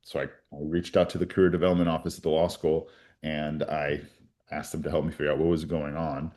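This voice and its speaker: He has a bass voice, a bit mellow, delivered fairly quickly on a level tone. In this interview the Colombian-raised defense lawyer, now in his forties, tells his story with earnest reflection and many restarts.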